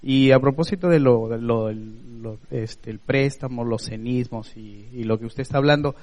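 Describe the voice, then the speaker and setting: A man's voice: mid-range voice, moderate pace, a little mellow. A Peruvian man with a Peruvian accent, asking the lecturer a question from the audience and hesitating while searching for words. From Peru.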